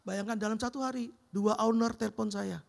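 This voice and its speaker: A middle-aged man preaching a sermon in a church and telling his own testimony in a lively storytelling way, often calling the audience "Bro". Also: high voice, a little fast, creaky. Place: church sanctuary.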